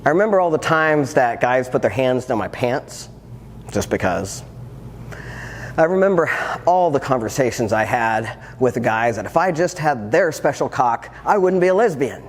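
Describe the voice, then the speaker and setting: Man, 50s, coach and speaker, reflective storytelling, a bit high-pitched, in a reverberant hall. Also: animated, moderate pace, a little hiss or hum. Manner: earnest, reflective, with wry humor. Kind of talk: personal storytelling talk. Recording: long hall reverb, faint ambience.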